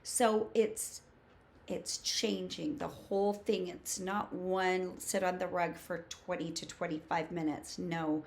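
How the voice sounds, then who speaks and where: Woman, 50s, preschool educator explaining to camera. Unhurried, with vocal fry, emphatic short phrases. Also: lowish voice, fairly even intonation, a little hiss or hum. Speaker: preschool teaching coach. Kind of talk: casual instructional talk to camera. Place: small home room with bookshelves.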